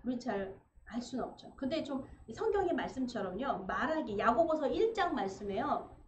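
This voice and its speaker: A woman pastor preaching a sermon in an animated way, acting out quoted conversations. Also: fairly high pitch, brisk. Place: church sanctuary. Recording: echoey church room, dull sound, faint noise.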